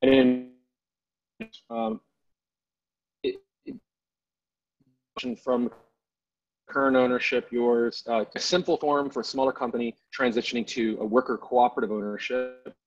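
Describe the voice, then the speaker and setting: A man explaining things on a video call, his speech coming through in broken, halting fragments as the audio keeps cutting out. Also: mid-range voice. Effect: glitchy audio that keeps cutting out. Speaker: webinar panelist. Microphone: computer on a video call. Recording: dull lo-fi call audio with dropouts.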